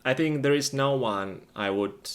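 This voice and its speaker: In an unhurried, medium-pitched voice, a man co-hosts an English lesson for learners. His talk is a casual question-and-answer exchange built from short, simple sentences in plain wording.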